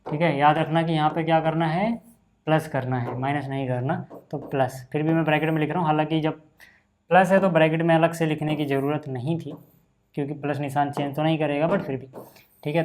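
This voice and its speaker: A man teaching a maths lesson in a relaxed, chatty way, often saying "okay" and calling his students "brother". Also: on the high side, a little fast, a little hiss or hum. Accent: Hindi. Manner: casual, repeats "ठीक है" and "भाई" often. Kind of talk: screen-recorded maths lesson.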